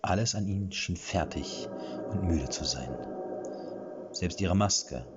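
A man's voice: deep voice, lively intonation, takes it slowly, lo-fi sound, loud music behind the voice. A man narrating a fantasy story expressively, acting out the dialogue.

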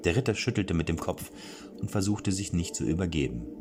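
A man narrating a fantasy audiobook with expressive storytelling and small self-corrections. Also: sits low, brisk. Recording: clear background music.

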